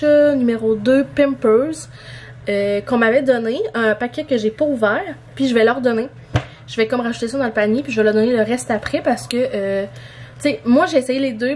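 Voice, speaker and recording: A young woman with a Québécois French accent talks through her purchases in a loose, rambling vlog style, full of small fillers and restarts. Her voice sits a little high for a woman. A faint noise hangs under the recording. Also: a little mellow. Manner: chatty, rambling, many fillers. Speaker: vlogger. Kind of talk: casual vlog showing purchases.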